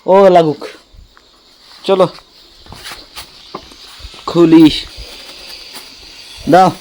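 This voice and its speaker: A man's voice: a little high, little pitch movement, drawn-out words, warm tone. A man, chatting to camera and family in a casual outdoor village vlog. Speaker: family vlogger.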